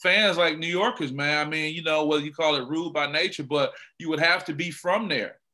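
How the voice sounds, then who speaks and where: A man's voice: fairly high pitch, a little fast, pushed and bright. A man hosting a casual sports talk show, talking in an emphatic, conversational way. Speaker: podcast host.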